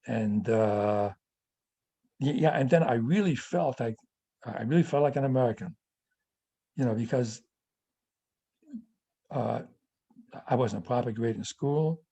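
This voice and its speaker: A native French speaker from France, this man in his eighties draws on personal memories to answer questions from an audience. His mid-range voice is warm and husky, and his speech is halting, with frequent stops, restarts, and "yeah" as filler.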